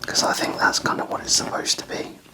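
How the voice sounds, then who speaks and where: A person whispering a casual, self-deprecating ASMR ramble in a breathy, unvoiced voice, musing in a chatty way. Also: a little fast. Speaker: ASMR video creator.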